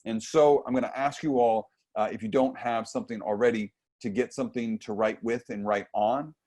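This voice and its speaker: Over a video call from a home room lined with bookshelves, a man in his forties runs a youth writing workshop. He speaks at normal speed with a medium pitch, relaxed and conversational, dropping in plenty of fillers. His audio comes through an earphone mic.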